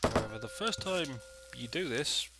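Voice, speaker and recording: A man's voice: mid-range voice, animated, moderate pace, creaky, heavy background noise. A man with a stuffy, nasal voice from a head cold, giving casual let's play commentary and thinking aloud as he goes. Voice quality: nasal, congested. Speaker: gaming video host.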